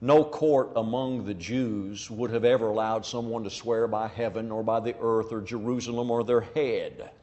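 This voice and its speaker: A man preaching a sermon in an animated way, often acting out imagined back-and-forth conversations. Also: lowish voice, moderate pace, few pauses, in a large hall, muffled recording. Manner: animated, acts out imagined dialogues.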